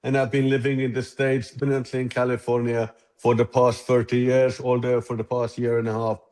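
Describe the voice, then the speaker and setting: A man's voice: medium pitch, level tone, a little fast, a little mellow, poor audio. A Hungarian-born man in his sixties, a tech founder answering interview questions thoughtfully and often restarting his sentences. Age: 60s. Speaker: app founder and guest. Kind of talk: conversational interview.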